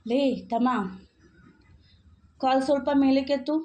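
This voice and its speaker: A man's voice: extremely high pitch, fairly even intonation, measured pace, noisy background, pitched above the performer's own voice. A man putting on the voice of a scornful male jailer who orders a prisoner around. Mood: mocking.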